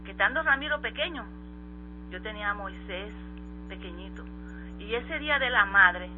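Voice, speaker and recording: A woman's voice: mid-range voice, expressive, slight background noise. Middle-aged Colombian-born woman telling her story. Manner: halting, repeats words, restarts. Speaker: interviewee. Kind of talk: emotional personal testimony. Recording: slightly muffled radio with soft music.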